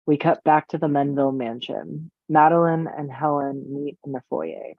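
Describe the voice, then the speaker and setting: A male narrator reads the stage directions evenly and matter-of-factly at normal speed. His voice is on the high side and comes through a tinny, phone-like line. The recording is dry, with no room around it.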